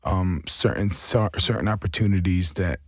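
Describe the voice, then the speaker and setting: A young man with a lowish voice tells animated, slangy stories in a relaxed interview. The sound is dry and close, with no room around it. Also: moderate pace, husky, no room sound. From born in Africa, raised in Brooklyn. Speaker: rapper, interview guest. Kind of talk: casual interview chat.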